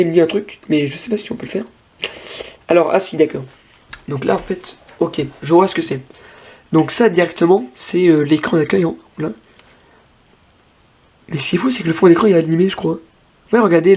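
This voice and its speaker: A man's voice: a little high, darkish tone. A young man casually demoing an old tablet on camera, thinking aloud with lots of fillers and restarts. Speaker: tech vlogger. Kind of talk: casual hands-on device demo.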